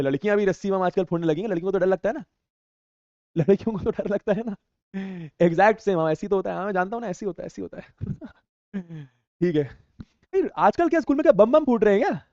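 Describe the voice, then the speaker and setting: A young man with a high voice reads viewer comments aloud in a casual live chat while teaching an online class, teasing in a playful, slangy manner. His recording is dull and dry, without any room sound.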